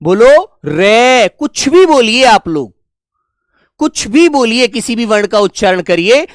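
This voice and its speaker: A man's voice: extremely high pitch, very animated, unhurried, dry recording, studio quality. A man teaching a Hindi exam coaching lesson, fondly calling his listeners "my dear children" and drilling sounds aloud.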